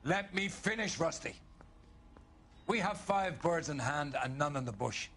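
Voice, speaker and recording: A man's voice: a little high, animated, unhurried, a bit bright. A man playing a stern, pragmatic police captain in a video game, commanding, formal and admonishing. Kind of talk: dramatic video game acting.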